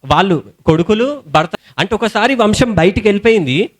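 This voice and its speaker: Young male preacher, Telangana Telugu accent, high voice, colloquial storytelling sermon. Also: expressive, fairly quick. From India. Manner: storytelling sermon in colloquial speech, rising to shouted hallelujahs.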